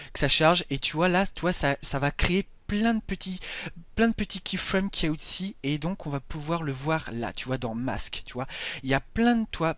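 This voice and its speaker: A man giving a casual software tutorial, talking the viewer through each step with many hesitations and fillers. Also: fairly high pitch, no echo. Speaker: video editing tutor.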